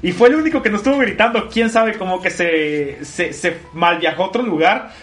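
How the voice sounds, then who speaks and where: A man's voice: sits high, lively intonation, brisk, fairly bright tone. A man telling a story in casual podcast chat, swearing freely. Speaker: podcast co-host.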